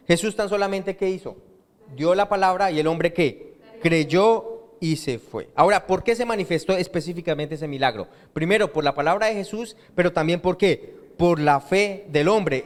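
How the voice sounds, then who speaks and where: A male pastor preaching a sermon and often pausing to ask the congregation to fill in words. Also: sits high. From Colombia. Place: church hall. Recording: reverberant church hall.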